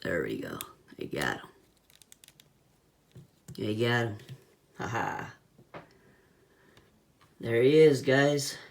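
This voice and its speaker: A man's voice: medium pitch, huge pitch swings, slow, creaky, pauses often. A man giving a casual hands-on toy review in laid-back, slangy talk, with a whistle on his s sounds.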